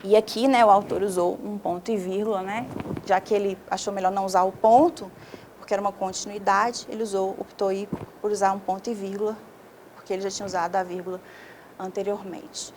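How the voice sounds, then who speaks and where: A woman's voice: medium pitch, steady tone, a little fast, darkish tone, a little hiss or hum. A woman, a teacher explaining a video lesson step by step and checking in often with her students. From Brazil.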